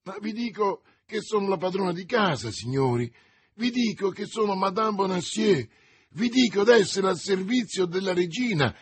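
A man's voice: sits high, expressive, normal speed, breathy edge, voice pushed up. A man reading an audiobook and voicing a distressed young woman who pleads and protests against her captors. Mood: desperate pleading.

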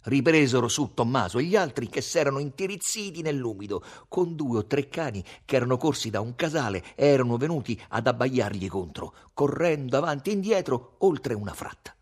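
A man reading a novel aloud in a steady, expressive storytelling voice. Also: mid-range voice, brisk, few pauses. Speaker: narrator.

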